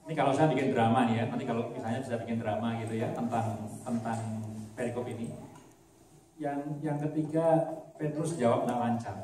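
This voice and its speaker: A man's voice: mid-range voice, fairly quick, a little mellow. A man preaching a sermon in a conversational way, mixing English words into his talk and growing emphatic as he explains. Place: church sanctuary. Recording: echoey church hall, voice from a distance, faint room noise.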